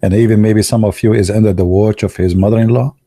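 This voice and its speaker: Playful joking man with a mellow voice. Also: on the low side, fairly even intonation, fast talker, no room sound, clean studio sound. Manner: playful, teasing, non-native English phrasing. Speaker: video commentator. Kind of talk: joking commentary.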